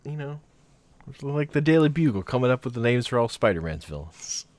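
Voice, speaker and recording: A man co-hosting a casual chat about films, talking animatedly and jumping into excited mock voices. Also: mid-range voice, a little fast, no room sound. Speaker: podcast co-host.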